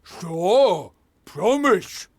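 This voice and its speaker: An actor playing a dim-witted male troll worker who speaks in broken grammar, slow and simple. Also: sits high, very animated, no echo, heavily acted. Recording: game audio with faint music.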